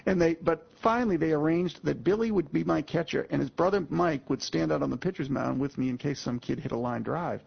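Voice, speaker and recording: Gravelly older man telling a story. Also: fairly high pitch, a little fast. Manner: folksy and emphatic, addresses the audience directly. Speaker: guest speaker. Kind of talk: storytelling talk to an audience. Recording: muffled lo-fi audio.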